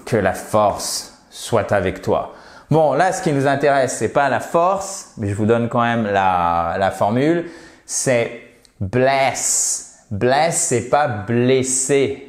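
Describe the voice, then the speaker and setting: A man's voice: medium pitch, expressive, slow pace, echoey room. A man teaching English to French speakers, calling his viewers "chers amis" and modelling example sentences. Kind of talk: French-language English lesson.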